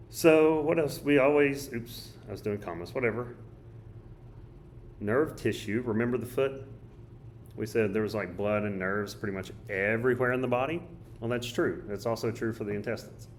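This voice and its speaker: A male teacher with a hoarse, choked-up voice, casually thinking aloud as he walks through a study guide. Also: on the low side, slight background noise. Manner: casual, thinks aloud while drawing and writing. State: hoarse, coughing. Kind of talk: recorded study guide walkthrough.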